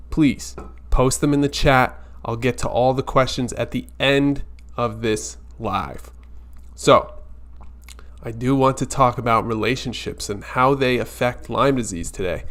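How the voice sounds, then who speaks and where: A man hosting a weekly live stream, talking casually and earnestly, reassuring viewers directly. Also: medium pitch.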